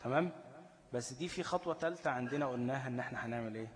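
A man's voice: mid-range voice, in a large hall. A man with an Egyptian accent teaching tajweed, asking his students questions and stretching out the recited examples. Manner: call-and-response questioning, drawn-out recited examples. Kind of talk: tajweed lesson.

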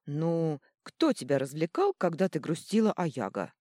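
Smug, mischievous male chaos godling voiced by a woman, very lively, dry close sound. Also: deep voice, moderate pace, no echo. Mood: teasing. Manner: teasing, smug, purring.

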